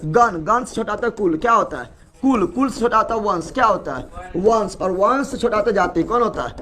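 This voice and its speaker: A man's voice: sits high, expressive, brisk, bright, forceful tone. A male teacher gives a classroom lecture, asking a question and repeating the answer over and over. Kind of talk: classroom lecture with call-and-response.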